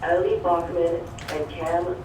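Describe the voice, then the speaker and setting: Male school announcer over the intercom, steady scripted read, distant and roomy. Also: fairly high pitch, slow pace. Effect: school intercom loudspeaker. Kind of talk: reading morning announcements. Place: classroom, heard through intercom speaker. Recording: echoey distant noisy classroom loudspeaker.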